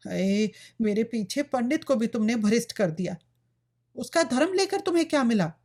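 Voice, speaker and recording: A desperate young village woman, as a woman narrator acts her out, defiant and pleading in a raised voice. Her lines rise well above the narrator's usual pitch. She sounds stubborn even in despair. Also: moderate pace. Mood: anguished pleading. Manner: pleading, rebellious.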